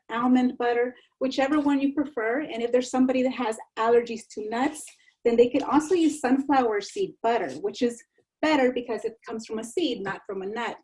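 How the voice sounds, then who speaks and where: High, mellow-voiced woman demoing a snack. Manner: chatty, reassuring, repeats herself. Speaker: enrichment instructor. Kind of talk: live online cooking demonstration.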